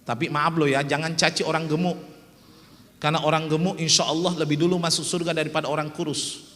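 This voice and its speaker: High, bright-voiced joking preacher. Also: male voice, little pitch movement, fast talker, long reverb tail. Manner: joking, teasing the audience. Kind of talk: humorous sermon. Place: small prayer hall.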